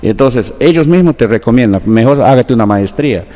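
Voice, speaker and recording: A man's voice: medium pitch, lively intonation, fairly quick, warm tone, big-room sound. A man from the Peruvian Amazon with a Peruvian Amazonian Spanish accent, a researcher being interviewed, explaining patiently with examples. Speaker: guest, researcher.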